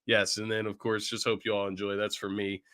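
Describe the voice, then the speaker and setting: A man hosting a casual pregame sports talk show from home. He sounds congested and chatty, and he often tags his points with a quick question to the listener. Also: fairly low pitch, little pitch movement, bright, forceful tone, clear, resonant tone, no echo. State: congested from illness.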